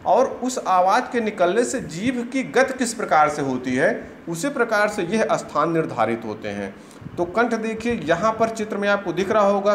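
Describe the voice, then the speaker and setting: Male teacher, high voice, patient step-by-step delivery; roomy recording. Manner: slow, patient, repeats terms one by one. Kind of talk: grammar lesson explaining a diagram. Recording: echoey room with faint hiss.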